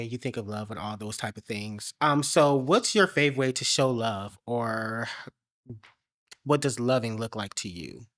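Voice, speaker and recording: Lively bright-voiced man co-hosting a podcast. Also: mid-range voice. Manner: animated, laughs often. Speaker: podcast co-host. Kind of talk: casual chat.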